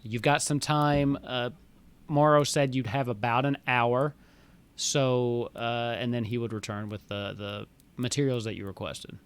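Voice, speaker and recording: A man narrating a tabletop game casually as game master, in a halting conversational way. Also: mid-range voice, steady tone, clear, resonant tone.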